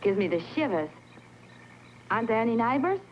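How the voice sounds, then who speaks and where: A woman's voice: a little high, very animated, brisk, slight background noise. An actress playing a young woman from England who has come to work as a housemaid, talking in a chatty, wry way. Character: young English woman arriving as a housemaid, cheeky and excited. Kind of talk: 1960s film acting. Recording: dull old film soundtrack.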